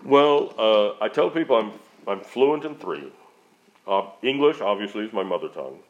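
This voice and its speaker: Answering questions from an audience, this male missionary speaker is earnest and conversational, rambling and restarting his sentences often. He sounds animated, speaking at normal speed in a voice on the low side. The recording has a dull, lo-fi quality.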